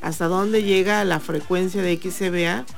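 A Mexican woman with a lowish voice and vocal fry co-hosts a baseball talk show from a radio booth at a moderate pace. Lively, she announces the time, steers the conversation, and puts questions to her co-hosts, with soft music in the background.

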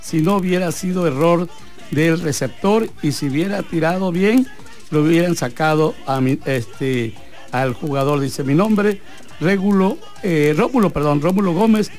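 A man's voice: a little high, unhurried, darkish tone, soft background music. A Mexican man hosting a sports radio show from a radio booth, chatting and reading out listener messages. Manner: chatty, reads messages aloud and adds advice.

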